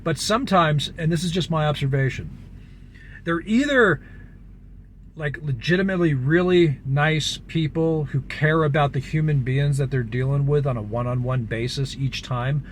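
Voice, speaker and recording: A man's voice: fairly high pitch, normal speed, slight background noise. A man, a vlogger from the United States, telling a long story in a casual, rambling way, full of fillers. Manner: rambling, filler-heavy, animated retelling.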